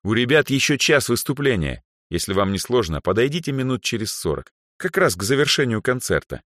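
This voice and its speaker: A man voicing a polite, good-natured older male music organizer in an audiobook, speaking in a courteous, smooth way. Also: medium pitch, very animated, a little fast, a bit bright, dry recording, clean studio sound, voice pushed up. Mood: pleased.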